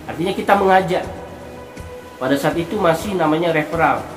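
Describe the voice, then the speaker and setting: A man explaining something to viewers in a monologue, speaking deliberately in halting phrases and repeating words for emphasis. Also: on the high side. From Indonesia. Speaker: online content creator. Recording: roomy echo with music behind. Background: music.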